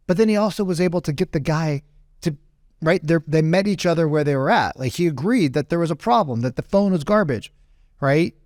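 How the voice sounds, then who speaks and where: Brief: man in his thirties, casual storyteller, slightly high voice, dry close mic, rambly with "right?" tags. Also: a little mellow, no echo. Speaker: podcast guest.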